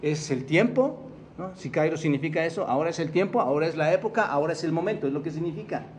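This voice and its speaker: Mexican man preaching, high voice. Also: expressive, fast. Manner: questions the congregation, repeats words for emphasis. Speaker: pastor. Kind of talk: sermon.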